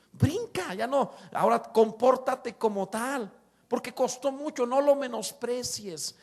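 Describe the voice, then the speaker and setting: A middle-aged man preaching a sermon as pastor, lively, asking rhetorical questions and slipping in humorous asides. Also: extremely high pitch.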